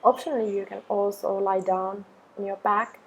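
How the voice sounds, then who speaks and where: In a very even, mid-pitched voice, a woman leads an affirmation meditation, setting down each phrase slowly and deliberately with long pauses. The audio quality is poor, with a faint layer of ambient noise behind her.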